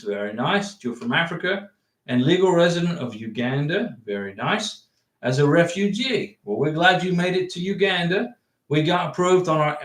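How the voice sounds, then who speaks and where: Chatty man hosting a livestream Q&A. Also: on the high side. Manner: chatty, rambling, reads viewer questions aloud. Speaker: livestream host giving immigration advice. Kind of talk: casual livestream Q&A. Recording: echoey room.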